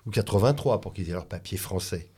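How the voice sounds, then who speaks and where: A man's voice: deep voice, animated, warm tone. A man born in France, a radio guest who talks reflectively and often restarts his sentences. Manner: reflective, halting with many restarts. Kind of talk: conversational radio talk.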